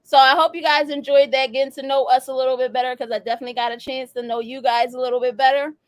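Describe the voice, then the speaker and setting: A woman's voice: high voice, little pitch movement, fast talker, dry recording. A woman hosting a casual talk show, slangy and loose, laughing often. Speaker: podcast host. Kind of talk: casual chat.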